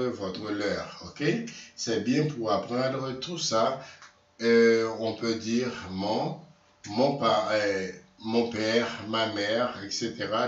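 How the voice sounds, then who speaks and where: A man teaching vocabulary in a slow lesson, repeating words and correcting himself. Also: medium pitch. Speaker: language teacher. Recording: distant echoey room, dull lo-fi sound.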